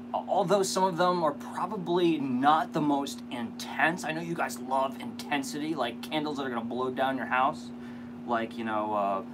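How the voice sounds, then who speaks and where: A man's voice: mid-range voice, noisy background. A man talking casually to viewers as a vlog host, rambling and hesitant with self-deprecating asides. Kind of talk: casual unboxing chat to viewers.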